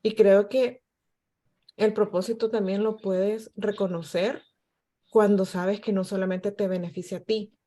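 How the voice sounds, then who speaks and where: Woman on a podcast, mellow relaxed voice, measured and thoughtful. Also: medium pitch. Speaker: podcast co-host.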